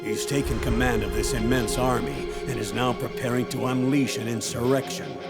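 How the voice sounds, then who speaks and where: Gravelly, grave commanding colonel, played by a man. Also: medium pitch, loud music behind the voice, natural voice. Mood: urgent, grave. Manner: grave, commanding briefing delivery, measured. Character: grave older male colonel briefing a covert agent. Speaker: military commander giving a mission briefing. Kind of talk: scripted video game dialogue.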